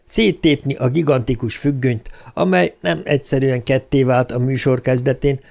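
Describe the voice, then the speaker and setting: A male audiobook narrator with a mid-range voice, reading a novel in an even, measured way. His diction stays clear and unhurried through long descriptive passages. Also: medium pitch.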